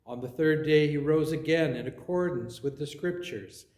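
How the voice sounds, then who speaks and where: A man leading a worship service as priest, reciting prayers in a measured, solemn way, with his voice ringing in an echoing church. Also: a little high, a little mellow. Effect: echoing church reverb. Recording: roomy echoing church sound.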